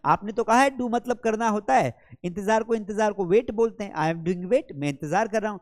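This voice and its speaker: A man's voice: high voice, moderate pace, a little mellow, no room sound, studio quality, pitched above the performer's own voice, close to an everyday voice. A man doing naive student Ghasiram, eager and earnest.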